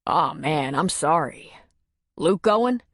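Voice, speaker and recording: A woman's voice: low voice, expressive, slow, dry recording, studio quality, full character voice. A woman narrator voicing a bartender who talks in a terse, guarded way.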